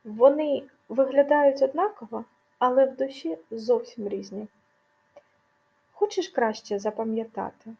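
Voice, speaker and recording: Female teacher, scripted video lesson, gravelly dark tone, clear stressed examples. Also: on the high side, unhurried, lo-fi sound. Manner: clear explanatory delivery with stressed example words. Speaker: language teacher.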